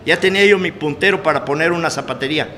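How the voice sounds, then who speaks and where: A man with a Mexican accent giving a personal testimony to a meeting, earthy and full of swearing, swinging between loud emphasis and low confiding tones. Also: fast talker. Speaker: speaker sharing his testimony at a recovery meeting. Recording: echoey hall, faint background noise.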